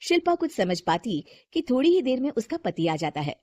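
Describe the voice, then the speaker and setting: A woman narrating a moral storybook tale in a soft, calm voice. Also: a little high, moderate pace, dry recording.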